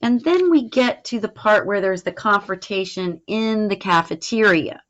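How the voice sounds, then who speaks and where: A woman teacher with a medium-pitched, fairly bright voice explains a recorded lesson informally at normal speed, frequently checking in with "all right." The audio is dull and lo-fi.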